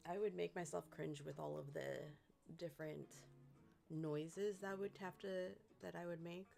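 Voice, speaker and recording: A woman's voice: on the low side, fairly even intonation, a little slow, creaky, mellow, soft background music. A woman hosting a casual craft livestream, chatty and playful, sometimes talking while she eats. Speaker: livestream host. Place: home craft desk.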